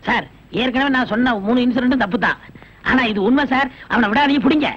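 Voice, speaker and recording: A man's voice: extremely high pitch, quick pace. An actor playing a put-upon male assistant who whines, pleads and talks back to his boss. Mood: insistent. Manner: whining, cheeky retorts, pleading "sir". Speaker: comic sidekick in a film scene. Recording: lo-fi old film soundtrack with faint music.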